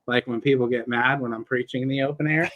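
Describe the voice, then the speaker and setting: A man's voice: mid-range voice, fairly even intonation, quick pace, muffled recording, crowd noise. A man who preaches in the open air, talking as a guest in a casual interview over a video call. He rambles, jokes and makes fun of himself. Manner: joking, self-deprecating, rambling.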